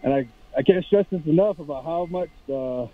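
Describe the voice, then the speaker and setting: Caller on the phone, male, talks in a rambling, halting way full of fillers, line thin and phone-like. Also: fairly high pitch, no room sound. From Navajo Nation, Arizona. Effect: over the phone. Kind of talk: casual call-in chat. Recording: tinny phone line, dry.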